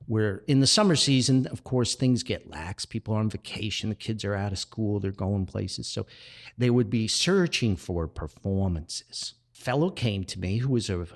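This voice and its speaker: This podcast host and writer has a somewhat low, creaky voice. Enthusiastic and folksy, he tells personal stories casually and chattily, speaking to his audience as if they were his friends.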